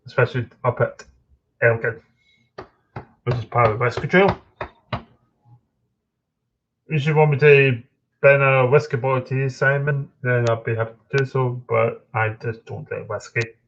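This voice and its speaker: A Scottish man chatting casually on a live stream, answering viewers in a halting way with frequent ums and restarts. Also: mid-range voice. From Scotland. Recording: dull lo-fi stream audio.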